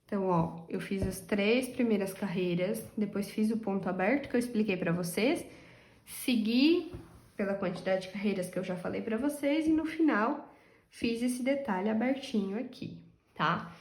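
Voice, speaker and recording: A woman's voice: medium pitch, moderate pace, darkish tone, echoey room. Stuffy-nosed woman teaching crochet. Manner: chatty, explains as she works, often checks in with "tá?". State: stuffy nasal voice from a cold. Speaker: crochet instructor. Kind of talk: casual step-by-step tutorial.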